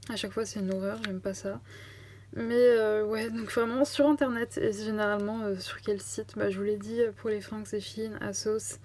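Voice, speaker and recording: A woman's voice: mid-range voice, fairly even intonation, moderate pace, darkish tone. A young woman vlogger answering viewer questions in a casual chat, hesitant and chatty with lots of fillers. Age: young adult.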